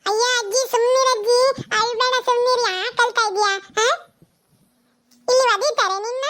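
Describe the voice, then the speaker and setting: A woman's voice: extremely high pitch, steady tone, moderate pace, bright, forceful tone, slight background noise, voice pushed up. A woman voicing a young boy who pleads with and coaxes his grandmother in a cartoon comedy. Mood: pleading. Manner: pleading, coaxing.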